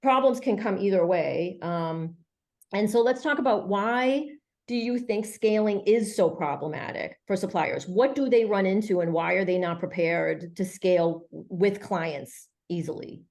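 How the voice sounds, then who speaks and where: A woman's voice: mid-range voice, measured pace, a little mellow. A woman hosting an online webinar in a chatty, friendly way, with many fillers. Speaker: webinar host.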